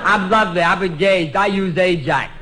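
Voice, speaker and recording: A man's voice: sits high, moderate pace, over a noisy crowd, pitched below the performer's own voice, close to an everyday voice. A man playing a vain, smug giant of a male wrestler in a 1950s radio comedy sketch, on a noisy old broadcast. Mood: preening. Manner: smug and self-admiring.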